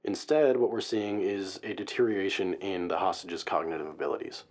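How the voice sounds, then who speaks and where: In an audio-drama radio interview, a man plays a guest expert, a hostage negotiator, who comes across as serious and guarded. His low voice moves fairly quickly as he speaks formally and analytically, sounding measured and concerned.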